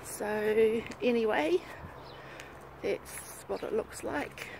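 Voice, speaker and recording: Outdoors by a suburban road, a vlogger talks casually and matter-of-factly next to a car, with passing traffic in the background. Her voice is a little high, with drawn-out words and vocal fry.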